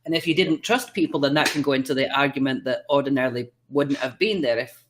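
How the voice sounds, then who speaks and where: A man's voice: medium pitch, quick pace, a bit bright, a little hiss or hum. Guy hosting a live stream, laid back, lots of ums and uhs. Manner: easygoing, many fillers, laughs often. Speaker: host. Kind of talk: casual live-stream chat.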